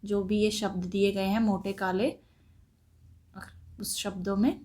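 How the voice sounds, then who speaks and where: A woman teaching a school textbook lesson, reading lines aloud and then explaining each word slowly and deliberately. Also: mid-range voice, flat delivery, darkish tone.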